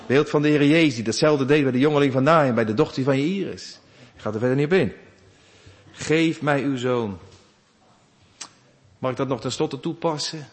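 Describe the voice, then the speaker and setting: Preacher in an echoing church. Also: male voice, mid-range voice, fast talker. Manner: dramatic storytelling, swings from hushed to loud. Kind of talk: sermon. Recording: long reverb of a church hall.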